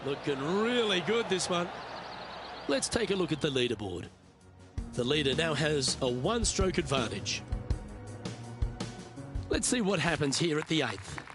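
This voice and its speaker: A man playing a composed golf commentator in a video game, calling play in measured, understated short phrases. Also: on the high side, big pitch swings. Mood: composed, approving. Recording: loud music and crowd behind. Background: music, outdoor crowd ambience.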